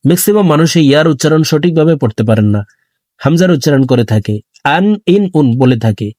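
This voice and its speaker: A man teaching Quran reading, slowly chanting Arabic letter drills and adding quick explanations between them. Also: on the high side, animated, dark tone, no echo, studio quality. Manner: slow deliberate letter drills, quick asides. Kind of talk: recitation drill lesson.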